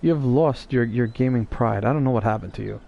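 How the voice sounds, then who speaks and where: A man's voice: mid-range voice, fairly quick, creaky, warm tone, highs cut off. A man streaming live, chatting casually and teasing his viewers in a rambling way.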